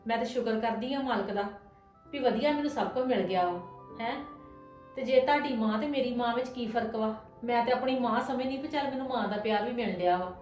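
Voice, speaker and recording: A woman plays a hurt young wife, the daughter-in-law in a scripted domestic drama, earnest and tired of being blamed. Her higher, slightly mellow, natural voice comes fast, pleading and defensive, with roomy echo and music low underneath.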